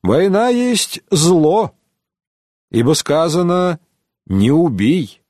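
Man voicing a meek friar, soft-spoken, pious, raised pitch, slow. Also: very animated, dry recording, clean studio sound, exaggerated voice.

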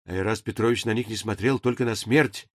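A man narrating an audiobook in a measured, even storytelling manner. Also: lowish voice, no room sound. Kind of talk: scripted narration. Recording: dry booth recording.

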